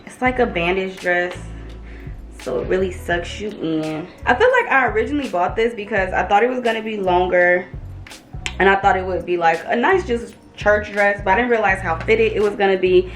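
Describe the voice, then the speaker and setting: A woman in her thirties chatting casually as a vlogger at home, relaxed and drawling. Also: medium pitch, normal speed, faint music behind. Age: 30s. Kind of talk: casual chat. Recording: roomy echo, light room noise.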